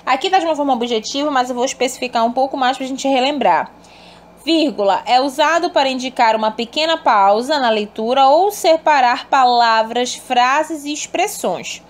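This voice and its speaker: A woman teaching a recorded online lesson, her voice sitting a little high for a woman. She explains step by step and addresses her pupils fondly. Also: moderate pace.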